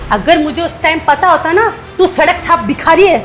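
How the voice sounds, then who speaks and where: Woman doing a nasty taunting wife, very high voice, faint music. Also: animated, moderate pace, a bit bright. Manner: taunting, mocking. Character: cruel, scornful domineering wife. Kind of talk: melodramatic short-video acting.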